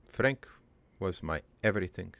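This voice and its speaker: A man gives a full character voice to an old cartoon father narrating his life after death, an improvised first-person monologue full of halting rambles, crude deadpan humour and doting wistfulness. The low, gravelly voice creaks heavily and takes its time, sentimental in mood, close and dry without echo.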